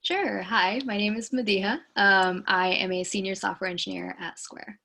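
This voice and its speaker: A woman's voice: medium pitch, moderate pace, pushed and bright. A woman in her twenties from California, speaking as a panelist in a concise, plain-spoken way over a video call.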